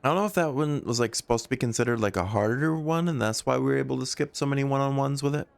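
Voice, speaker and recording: A man's voice: medium pitch, quick pace, gravelly, no echo. A man streaming a video game, giving casual commentary and thinking aloud in a conversational way.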